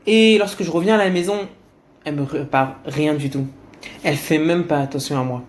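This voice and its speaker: A man voicing a burly, irreligious man who shouts accusingly and later pleads in a low, tearful voice. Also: a little hiss or hum, close to an everyday voice. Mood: tearful, pleading. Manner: shouting, raised and fast when angry; low, soft and pleading when remorseful.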